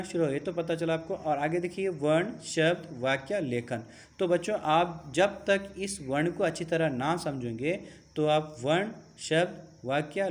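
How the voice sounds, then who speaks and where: A male teacher leads a Hindi alphabet lesson, his voice sitting a little high for a man. He walks through the material step by step, posing questions to the class and answering them himself.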